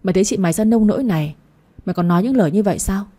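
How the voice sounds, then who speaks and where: A woman's voice: medium pitch, very fast, lightly acted. A woman doing an old mother scolding her children. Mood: furious. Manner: shouting scolds. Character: middle-aged Vietnamese mother, fiercely protective, scolding.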